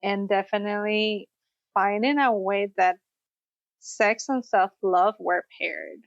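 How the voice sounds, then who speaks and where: A woman's voice: medium pitch, slow, vocal fry, no room sound. Woman from Costa Rica, sex therapist, reflective storytelling, dull dry recording. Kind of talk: podcast interview. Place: studio, in person.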